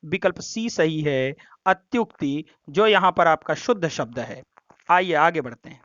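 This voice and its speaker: A man with a high, smooth voice leads a Hindi grammar practice lesson. He steps through each option methodically and restates the corrections. The recording is dry and a little dull, with a lo-fi edge. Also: lively intonation, a little slow, a bit bright, no echo. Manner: explains step by step, repeats options and corrections.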